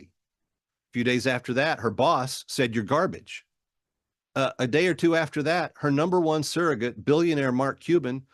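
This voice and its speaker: Emphatic American talk radio host, close dry sound. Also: male voice, medium pitch, no room sound. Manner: emphatic, repeats phrases for effect, short punchy statements. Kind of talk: political monologue and promotional appeals.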